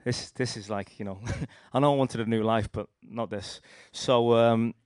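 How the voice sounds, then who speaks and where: A man's voice: mid-range voice, fairly even intonation, moderate pace, darkish tone, smooth, dry recording, studio quality. A young man with a Liverpool accent giving a rambling personal testimony, telling his story with restarts and acted-out quotes. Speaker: speaker sharing a testimony.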